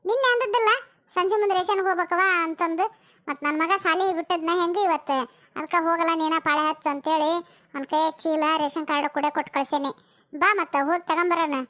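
A woman playing a blunt, sharp-tongued village housewife, talking in a rustic North Karnataka Kannada accent. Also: very high-pitched, fairly even intonation. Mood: chatty. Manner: blunt, rapid rustic talk. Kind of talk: comic village family drama.

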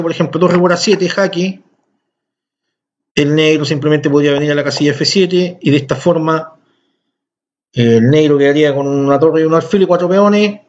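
Male chess teacher, lightly high voice, eager and direct with viewers, muffled lo-fi sound. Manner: enthusiastic, speaks directly to viewers. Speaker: chess instructor. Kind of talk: explanatory chess lesson. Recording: dull lo-fi recording.

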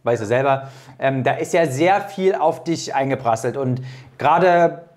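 A man's voice: medium pitch, darkish tone. A man in his thirties hosting a casual interview, asking long, probing questions with a lapel mic in an indoor studio. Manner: quick, probing questions with many fillers. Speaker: interview host.

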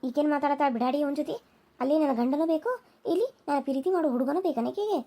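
Jealous scolding sister-in-law voiced by a woman, cartoon, North Karnataka Kannada accent, high pitch, fast. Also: natural voice. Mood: scheming. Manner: sharp, taunting. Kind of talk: cartoon serial voice acting.

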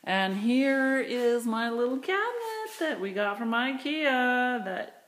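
Filming on a handheld phone, a studio owner walks through her large indoor craft studio and eagerly chats about her new shelves and storage in a casual vlog tour. Her voice is slightly high and a bit bright, and she speaks slowly. She rambles enthusiastically, full of fillers.

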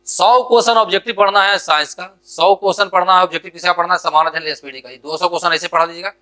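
Brisk, bright-voiced tutor. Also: male voice, high-pitched, fairly even intonation. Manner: rapid question-and-answer drilling, urging. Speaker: exam coaching teacher. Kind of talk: exam strategy lesson.

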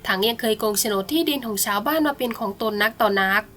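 Bright-voiced woman telling a bedtime story. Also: fairly high pitch, fast, faint music behind. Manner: calm, steady storytelling.

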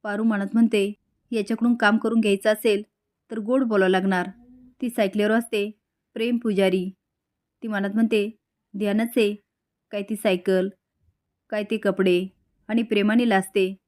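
A woman's voice: medium pitch, fairly even intonation, normal speed, long pauses, a little mellow. A woman narrating a television serial recap, reading each character's lines aloud in her own plain voice. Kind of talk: storytelling episode recap.

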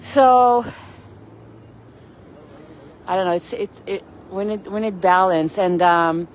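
Speaking slowly in a mid-range voice, a woman vlogger walks outdoors on a city street and chats with her live-stream viewers. She rambles and greets them by name while holding her phone camera, with traffic and street ambience in the background.

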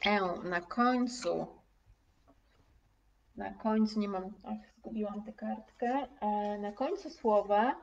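A woman teaching a live online lesson, speaking slowly and clearly, repeating each word for her students and reading their comments aloud. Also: mid-range voice, distant mic, highs cut off. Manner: slow, carefully articulated, repeating words for students. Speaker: language teacher.

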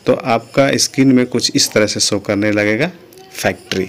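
A man with a low, steady voice teaches a TV repair at his workbench. He explains each step patiently and keeps addressing his viewers as friends. He sounds like a hands-on repair tutor talking beside the set. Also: moderate pace. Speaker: channel host, TV repair tutor.

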